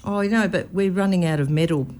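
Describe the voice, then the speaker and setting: A woman's voice: on the low side, fast, darkish tone. An Australian woman co-hosting a local radio show, joking and self-deprecating. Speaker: radio co-host. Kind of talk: casual radio chat.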